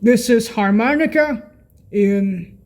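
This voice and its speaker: This video creator and presenter talks through an unscripted on-screen walkthrough in a slow, slightly mellow, higher-pitched voice. She's hesitant, often repeating and correcting herself, and clears her throat frequently.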